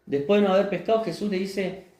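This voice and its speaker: A man's voice: high-pitched, fairly even intonation, fast talker, warm tone, echoey room. A man with a Rioplatense Spanish accent preaching a sermon as pastor, often putting questions to the congregation and answering them himself. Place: church hall.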